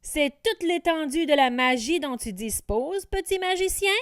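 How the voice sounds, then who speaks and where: A woman's voice: sits high, expressive, measured pace, no room sound, clean studio sound, pitched above the performer's own voice. A woman voicing a mocking, sneering evil man wizard, in a storybook reading. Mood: taunting. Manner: mocking, taunting.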